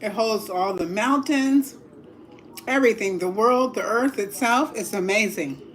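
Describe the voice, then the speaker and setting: Woman, middle-aged, livestream host, casual eating chat, very slow, hums between bites, faint noise, clinking dishes. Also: mid-range voice. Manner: slow and relaxed, savoring food with hums.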